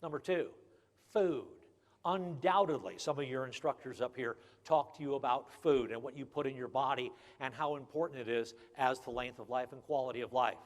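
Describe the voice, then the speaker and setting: A man's voice: medium pitch, normal speed. An older man giving a humorous graduation speech, folksy and emphatic, often repeating key phrases. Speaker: graduation speaker. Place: large ceremony hall. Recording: long hall reverb.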